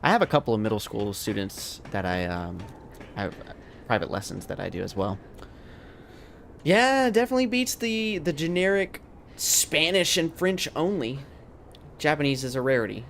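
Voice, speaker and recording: Give me a tired, laid-back man chatting with his stream viewers, voice worn and gravelly. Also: mid-range voice, animated, normal speed, a bit bright, slight background noise. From United States. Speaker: streamer and language teacher. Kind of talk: casual livestream chat while gaming.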